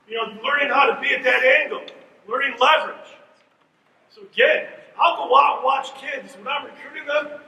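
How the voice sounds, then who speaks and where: A man's voice: very high voice, vocal fry, sharp tone, slight background noise. A middle-aged man, a college lacrosse coach, giving a direct clinic talk and checking in with "okay?" after his points. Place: large room at a coaches' clinic. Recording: echoey hall, voice far from the mic.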